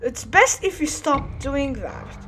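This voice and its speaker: Menacing robot shopkeeper god guy read by a woman, high and slow, game music behind. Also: expressive, a bit bright, slight background noise, exaggerated voice.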